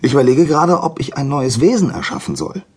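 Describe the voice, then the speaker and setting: A man's voice: mid-range voice, sing-song, brisk, a little mellow, slightly rough, voice pushed up, full character voice. A man voicing an eager, curious male god in a children's audiobook, asking questions in a raised voice. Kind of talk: storybook character voice.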